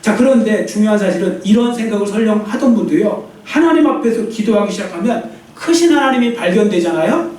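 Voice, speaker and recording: High-voiced man preaching in an echoey church. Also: expressive, a little fast, darkish tone. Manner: emphatic, acts out quoted inner voices. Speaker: pastor. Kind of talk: sermon. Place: church sanctuary. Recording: echoey church hall from far off.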